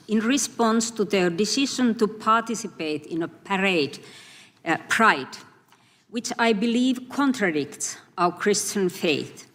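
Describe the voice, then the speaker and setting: A woman's voice: medium pitch, fairly bright tone. Finnish-accented woman in her sixties testifying. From Finland. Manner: earnest, measured, reading with occasional restarts. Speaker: witness at a legislative hearing. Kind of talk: prepared testimony. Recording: reverberant hearing room.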